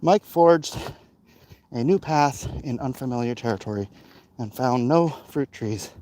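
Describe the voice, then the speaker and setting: Strolling outdoors with his phone held out at arm's length, this medium-pitched host responds to viewer comments at a measured pace. His rambling chat is lively, blunt and full of opinions, with effortful breathing, occasional throat-clearing and faint traffic in the background.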